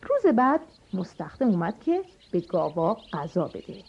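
A woman narrating a children's storybook, expressive and addressing the kids. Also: on the low side, vocal fry. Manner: animated, expressive. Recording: dull lo-fi audio with music.

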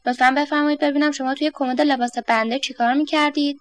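A woman's voice: high voice, steady tone, no room sound, close to an everyday voice. A woman voicing a flustered middle-aged man who wants peace at home, sarcastic and exasperated. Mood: outraged.

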